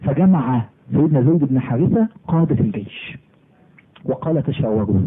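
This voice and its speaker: A man with an Egyptian Arabic accent telling a sermon story, lively and acting out the dialogue. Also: fairly quick, husky. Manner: animated, acts out dialogue in lowered voice. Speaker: preacher. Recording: phone-like recording.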